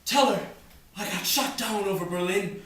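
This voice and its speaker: A man's voice: high voice, normal speed, fairly bright tone, slight background noise. A man playing a melodramatic, earnest dying wartime airman in a comedic war drama. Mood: pleading, solemn. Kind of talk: comedic stage-style drama, old war-film melodrama. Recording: echoey room, distant microphone.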